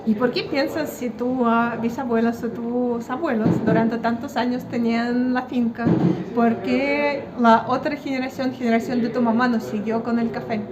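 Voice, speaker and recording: A woman's voice: fairly high pitch, steady tone, normal speed, a crowd in the background. A woman hosting a casual interview, bubbly and inquisitive, with short affirmations. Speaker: interview host. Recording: noisy background.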